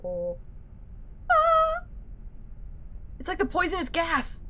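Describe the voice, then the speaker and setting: A woman streamer playing a horror game live, excitable and yelping at every scare. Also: high voice, a little slow. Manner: excitable, yelps and squeals at scares. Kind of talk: live gameplay commentary.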